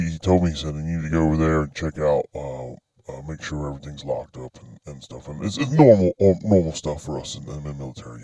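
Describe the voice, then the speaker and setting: Man, voice-changer disguised deep voice, very low pitch, dry sound, nervous, halting. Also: mellow, breathy edge, dry recording. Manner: hesitant, many restarts and filler sounds. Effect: voice changer making the voice very deep. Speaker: anonymous caller telling a story. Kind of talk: halting spoken confession on a podcast.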